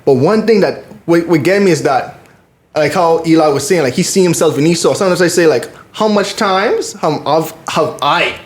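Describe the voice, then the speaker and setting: Slangy man with a fairly high voice. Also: animated, moderate pace. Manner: slangy, repetitive for emphasis, peppered with "bro". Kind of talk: casual faith discussion. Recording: echoey room.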